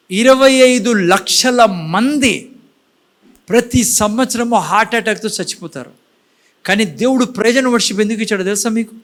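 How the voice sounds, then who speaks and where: A pastor preaching in church in a lively sermon style, firing questions at the congregation and mixing in words. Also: male voice, sits high.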